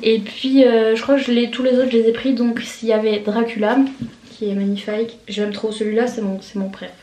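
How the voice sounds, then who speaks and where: A woman's voice: a little high, little pitch movement, a little fast, warm tone, reverberant. A young woman chatting to camera at her desk at home, rambling and giggly, with lots of fillers. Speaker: vlogger. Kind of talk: casual chat to camera.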